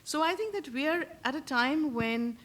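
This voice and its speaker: A woman's voice: high voice, expressive, moderate pace, fairly bright tone. A woman speaking analytically and without a script as a panellist in a public discussion.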